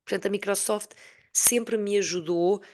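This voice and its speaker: A woman's voice: medium pitch, steady tone, moderate pace, a little mellow. A woman in her forties with a European Portuguese accent and a cold-affected voice, telling her story as a guest in a casual interview. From Portugal, Sintra area near Lisbon. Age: 40s. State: voice affected by a cold, recovering from flu. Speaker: podcast guest, retired corporate finance executive.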